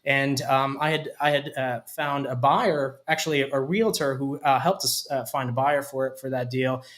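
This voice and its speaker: A man in his twenties, originally from Hungary, telling his story as a guest in a studio interview with frequent pauses and restarts. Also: medium pitch, steady tone, a bit bright. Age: 20s. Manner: hesitant, many fillers and restarts. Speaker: company COO, guest. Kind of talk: casual interview talk.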